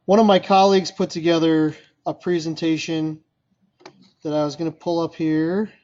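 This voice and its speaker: A man's voice: on the high side, flat delivery, moderate pace, darkish tone, dull audio. A man giving a casual, loosely worded talk to a user group, full of fillers and restarts. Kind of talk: casual presentation to a meetup.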